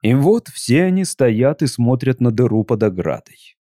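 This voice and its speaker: A man narrating a storybook in an even, measured way. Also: mid-range voice, no room sound, studio quality. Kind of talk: audiobook reading.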